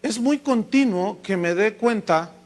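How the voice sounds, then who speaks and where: A man with a Mexican Spanish accent preaching a sermon as a pastor, lively and full of rhetorical questions to the congregation. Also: high voice, a little slow. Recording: long reverb from a large hall.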